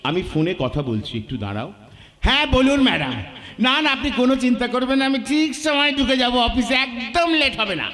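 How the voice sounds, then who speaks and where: A man's voice: very high voice, big pitch swings, fast talker, a bit bright, heavily acted. A man playing a flustered office employee bantering on the phone in a folk stage comedy.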